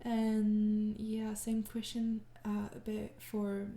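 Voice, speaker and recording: Medium-pitched, completely flat and slow, the voice belongs to a young French woman, an ASMR creator doing a casual, soft Q&A with fans. She sounds tired, hesitant and apologetic, with many soft laughs and slips into whispers, recorded in a roomy space.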